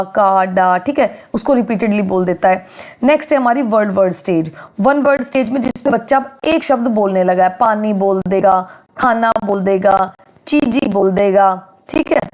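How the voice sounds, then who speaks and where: A woman's voice: on the high side, a little mellow, low-quality recording. A woman teaching an exam-prep lecture, explaining step by step and asking and answering her own questions.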